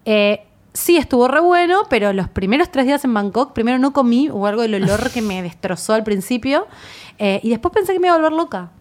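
Woman, Argentine Spanish accent, high voice, quick talker, animated storyteller, casual chat.

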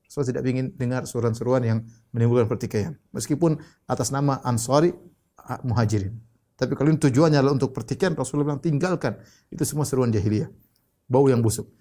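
A man's voice: mid-range voice, quick pace. A man giving an Islamic religious lecture, telling a story, quoting Arabic and translating it, with frequent restarts. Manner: explanatory, restarts often, quotes Arabic then translates; rises sharply when voicing shouts in the story. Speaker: Islamic preacher.

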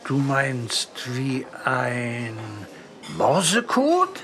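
A man voicing a cheerful, curious young girl in a children's audiobook, bright and eager. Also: mid-range voice, wildly swooping pitch, drawn-out words, music in the background, heavily acted.

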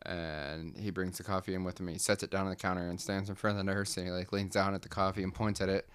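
Deep-voiced man rambling through a story. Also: little pitch movement, fast talker, fairly bright tone, clean tone. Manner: rambling, filler-heavy storytelling. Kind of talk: casual comedic story pitch.

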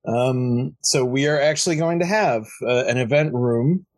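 A man's voice: medium pitch, moderate pace, a little mellow, low-quality recording. A young man co-hosting a podcast in casual chat, rambling with lots of ums, sounding like he just woke up. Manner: rambling, many ums and restarts, sleepy-sounding. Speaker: podcast co-host.

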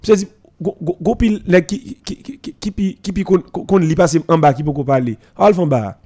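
A man, a teacher telling stories on a radio talk show in an animated way, often stammering and repeating words. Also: fairly high pitch, brisk.

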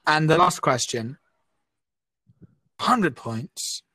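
A man's voice: fairly high pitch, lively intonation, drawn-out words, bright, forceful tone, no room sound. Give me a man whose call audio keeps breaking up, sounding far and choppy. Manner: quizmaster announcing questions. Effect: choppy online call audio, breaking up. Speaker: podcast co-host reading quiz questions. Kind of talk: casual podcast chat over a call.

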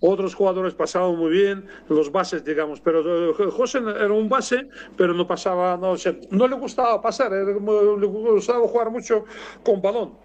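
A man from Spain, a former basketball player, chatting casually and telling animated stories, swearing now and then. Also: sits high, normal speed, highs cut off. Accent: Spanish from Spain. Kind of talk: casual chat.

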